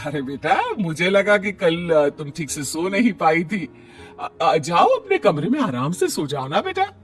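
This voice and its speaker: A man's voice: high-pitched, huge pitch swings, unhurried, distant mic, soft background music, heavily acted. A man voicing a fussy, scheming older mother-in-law in a cartoon story, coaxing and mock-innocent. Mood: demanding.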